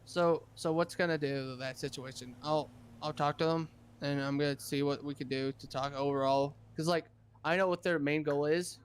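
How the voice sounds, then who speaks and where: A man's voice: a little high, steady tone, moderate pace, slight background noise. A man playing a governor in a casual roleplay chat, rambling and repeating himself as he talks over others.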